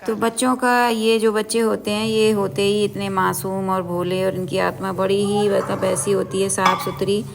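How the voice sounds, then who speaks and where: Homely woman vlogger, gravelly and flat. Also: medium pitch, moderate pace, hardly any pauses, crowd noise. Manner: homely, rambling, self-correcting. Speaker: home vlogger. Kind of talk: chatty voice-over narration.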